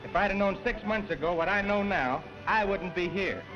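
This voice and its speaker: A man's voice: high voice, moderate pace. An actor playing an earnest, worried young man, speaking eagerly, in early talkie film sound. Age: young adult. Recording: dull 1920s film soundtrack with music.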